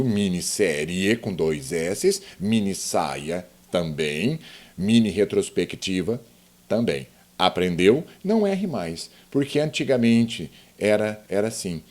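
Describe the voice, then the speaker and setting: A man's voice: lowish voice, a little mellow. A man teaching a grammar lesson online, explaining step by step and often asking his viewers questions.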